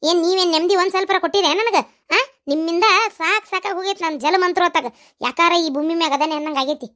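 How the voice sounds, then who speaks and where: A woman's voice: very high voice, fairly even intonation, a bit bright. A woman voicing a nagging middle-aged village wife in a cartoon, with a North Karnataka Kannada accent. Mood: angry, defensive. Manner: nagging, scolding rapid-fire. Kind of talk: cartoon comedy voice acting.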